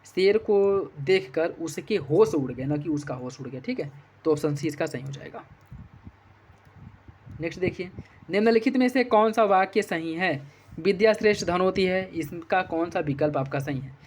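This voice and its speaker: Male exam tutor, somewhat high voice, methodical and repetitive in his explanations. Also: expressive, moderate pace, a little hiss or hum. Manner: repeats answers with "ठीक है" checks. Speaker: exam prep teacher. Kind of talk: explaining test answers.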